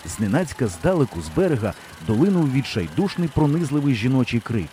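A male audiobook narrator with a dark, mellow voice. He reads with lively, animated intonation that rises and falls with the story. A faint noise sits under the recording. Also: mid-range voice, brisk. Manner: expressive storytelling reading. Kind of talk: scripted narration.

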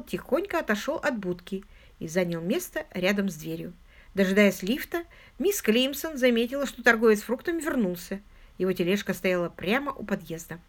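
A woman narrating an audiobook in an expressive, scripted reading style. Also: on the high side.

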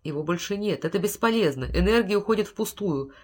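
A woman reading an audiobook, voicing a calm, soft-spoken male scientist with a measured delivery. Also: medium pitch, slightly rough. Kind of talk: audiobook character voice.

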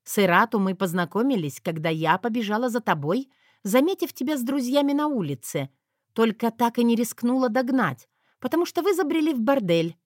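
A woman reading an audiobook voices a defiant, scheming young woman who speaks in a mocking, sharp manner. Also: on the high side, very animated, a little fast, dry recording, studio quality, voice pushed up. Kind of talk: audiobook character voice.

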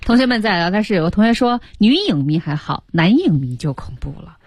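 A woman's voice: mid-range voice, sing-song, fairly quick, darkish tone, husky, no echo, studio quality. A woman co-hosting a radio English lesson. She translates lines into Chinese and reacts with exclamations. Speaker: co-host.

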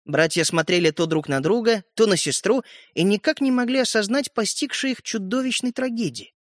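A woman reading a children's book aloud in an expressive storytelling manner. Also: mid-range voice, brisk, dry recording. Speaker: audiobook reader. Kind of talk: scripted narration of a children's book. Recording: dry close recording.

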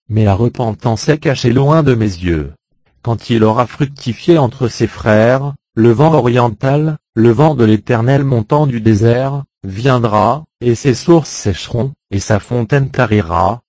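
A man reading a Bible chapter aloud in a measured, solemn way. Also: mid-range voice, a little mellow, no echo. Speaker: Bible reader. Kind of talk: scripted scripture reading.

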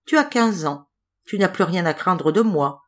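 A woman voicing a spiteful grey mouse, a cursed wicked fairy, with a small high voice, for an audiobook fairy tale. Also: expressive, a little slow. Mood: gloating.

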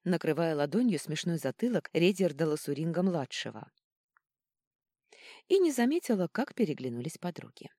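A woman narrating an audiobook with expressive storytelling. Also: low voice, normal speed, no echo, clean studio sound.

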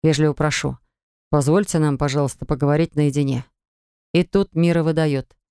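A woman's voice: deep voice, fairly even intonation, moderate pace, darkish tone, smooth, no room sound. A woman narrating a first-person audiobook in a wry, conversational manner, recorded in a studio.

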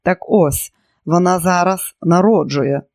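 A man reading an audiobook, voicing a stout, sardonic brothel madam in a brisk, mocking way. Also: high voice, a little mellow, no room sound, studio quality.

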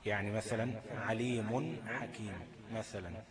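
A man's voice: medium pitch, a little fast, over a noisy crowd. A man with an Egyptian accent teaching a tajweed lesson, asking the class questions, answering them himself and repeating the key terms. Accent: Egyptian Arabic. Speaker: Quran recitation teacher.

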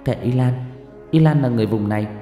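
A woman's voice: very deep voice, fast talker, mellow. A man voicing a brave, cheerful young mountain girl in a storybook, speaking urgently and pleadingly. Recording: echoey room with long reverb and faint music.

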